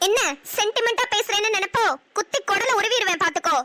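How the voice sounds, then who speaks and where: A woman's voice: very high voice, fast, bright, forceful tone, no room sound. A woman with a Namakkal Tamil accent voicing a playful, bossy young wife who chats and banters in a cartoon. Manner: chatty, bantering. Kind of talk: cartoon voice acting.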